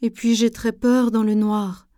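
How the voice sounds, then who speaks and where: A woman's voice: fairly high pitch, flat delivery, unhurried, mellow, dry recording, studio quality, close to an everyday voice. Woman doing a timid young lion. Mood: fearful, pleading. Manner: pleading, trembling worry. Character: timid young male lion, fearful but brave.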